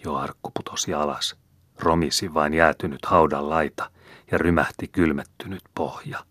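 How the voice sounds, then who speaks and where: Very deep-voiced male audiobook reader. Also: fairly bright tone, no room sound. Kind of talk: scripted narration of folk tales.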